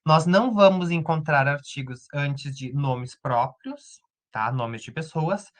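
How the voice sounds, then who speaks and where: A man's voice: a little high, slow pace. A man with a Brazilian Portuguese accent teaching Spanish grammar in an online lesson, explaining step by step and often checking in with the students.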